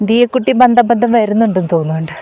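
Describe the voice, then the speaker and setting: A woman's voice: mid-range voice, rapid-fire, highs cut off. A young woman and mother chatting casually in a family vlog, coaxing and teasing small children.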